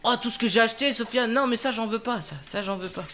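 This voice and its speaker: A man hosting a gaming video, commenting excitedly while playing with a friend, repeating words rapidly and teasing. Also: extremely high pitch, slight background noise.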